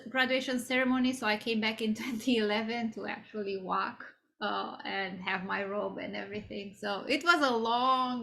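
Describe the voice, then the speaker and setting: Bright woman in her forties. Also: mid-range voice. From Romania. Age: 40s. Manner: conversational, many fillers and restarts. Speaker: guest speaker. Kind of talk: career interview.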